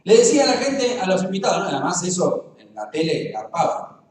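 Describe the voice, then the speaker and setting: In a very echoey church hall, a distant mic catches a Rioplatense Argentine man preaching, his voice high for a man yet darkish in tone, sing-song and a little fast, with slight hiss or hum. He addresses the congregation head-on, joking and keeping it conversational.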